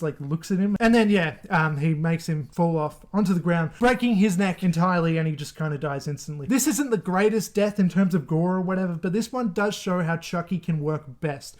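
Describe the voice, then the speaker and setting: Guy with a pretty high voice rambling on about horror flicks, laughs a lot, super casual. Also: a little mellow. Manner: chatty, rambling, laughs often. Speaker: horror movie YouTuber. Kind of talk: casual ranking commentary.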